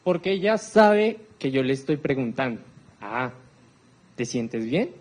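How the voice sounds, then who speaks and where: Man at mid pitch, lecturing a university crowd and drawing them in with questions. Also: very animated, unhurried, darkish tone. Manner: engaging, quizzes the audience with questions. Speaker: speaker on accessibility for deaf people. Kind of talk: live talk to an audience.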